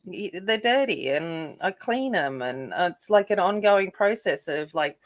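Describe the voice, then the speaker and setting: A woman who runs a coloring channel talks casually with live viewers while coloring, her fairly low voice expressive and a little slow. She rambles, filler after filler, and by her own account her voice isn't a soothing one.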